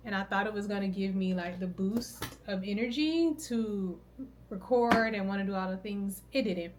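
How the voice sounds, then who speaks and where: A worn-out woman in middle age talks straight to camera from her home, chatty and loose, often breaking off mid-thought and circling back. Her voice sits at an ordinary middle pitch, with a faint hiss of noise behind it. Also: moderate pace. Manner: chatty, rambling and self-interrupting, thinking aloud. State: tired, out of breath at times. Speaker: content creator vlogging her routine. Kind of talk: casual vlog talk to camera. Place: at home, indoors.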